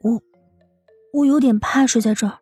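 A woman's voice: a little high, normal speed, husky, no room sound, faint music behind. A woman doing a shy, stammering young man. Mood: shy flustered. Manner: soft, hesitant, stammering. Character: timid, shy young man, easily flustered. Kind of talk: audiobook character voice.

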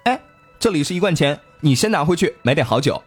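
A man's voice: fairly high pitch, fast talker, slightly rough, faint music behind. A man hosting a podcast, telling a ghost story in a casual, joking way with his co-hosts. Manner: lively, playful, joking with co-hosts.

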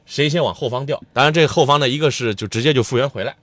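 A man's voice: medium pitch, very fast, fairly bright tone, no room sound. A man co-hosting a history podcast, explaining background in a casual conversational way. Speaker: podcast co-host.

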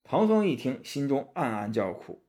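A man narrating a storybook in an expressive, rising-and-falling storytelling manner. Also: mid-range voice, normal speed.

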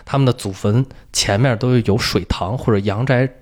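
A man's voice: mid-range voice, moderate pace, darkish tone. A man with a Beijing accent explaining things in casual talk as a feng shui expert, emphatic, repeating phrases and answering his own questions.

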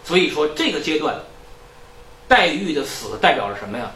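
A man lecturing in a lively storytelling style, acting out characters' lines. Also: on the high side, normal speed, reverberant, recorded from a distance, a little hiss or hum, low-quality recording.

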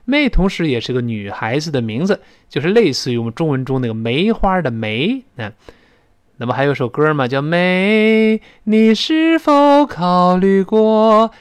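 A man teaching a spoken English lesson who explains pronunciation and slowly models English phrases with a Mandarin Chinese accent. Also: medium pitch, very animated, dry recording.

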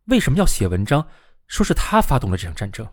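A man's voice: mid-range voice, wildly swooping pitch, fast talker, no echo, clean studio sound. A man reading the lines of a brooding, restless young college student in a storybook reading, speaking in an agitated, questioning way. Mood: indignant.

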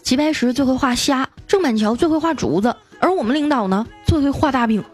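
A husky, high-sitting female voice with lively intonation reads listener jokes on the radio while music plays faintly behind her. She keeps it playful and chatty, dropping in her own teasing comments with drawn-out particles.

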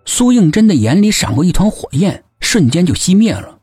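A man narrating a suspense mystery audiobook in an expressive storytelling manner with a husky voice. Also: high voice, brisk, no room sound, faint music behind.

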